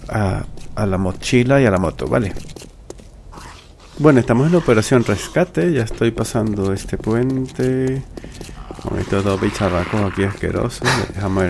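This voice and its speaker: Gravelly-voiced man doing casual game commentary. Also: medium pitch, darkish tone, slight background noise. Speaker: gamer, let's play host.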